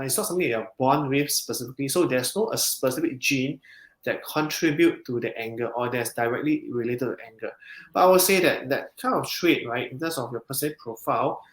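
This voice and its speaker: In a podcast interview with a roomy echo, a male counselling psychologist gives measured explanations in a mid-range voice. He restarts himself often as he talks.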